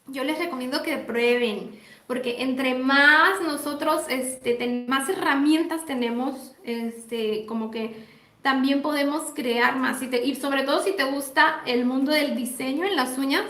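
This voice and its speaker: A woman's voice: high voice, measured pace, a bit bright, echoey room. A Mexican woman teaching nail techniques on a live stream, chatty and affectionate, greeting viewers by name. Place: indoor home workspace.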